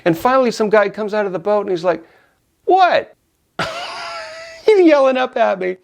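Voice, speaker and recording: A middle-aged man casually telling a personal story, animated and often laughing as he acts out his own yells. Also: high voice, quick pace, gravelly.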